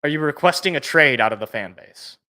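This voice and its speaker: A podcast co-host with a loud, worn-out voice chats casually about sports at a fairly quick clip. Excited, he stumbles over repeated words, and his bright tone swings widely in pitch.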